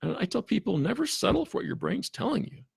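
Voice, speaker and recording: A man with a gravelly, husky voice speaks haltingly as a podcast guest, restarting his sentences and chuckling along the way. The sound is close and dry, with no room around it. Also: high voice, big pitch swings, dry recording. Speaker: podcast guest, forensic interviewer. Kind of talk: casual interview talk.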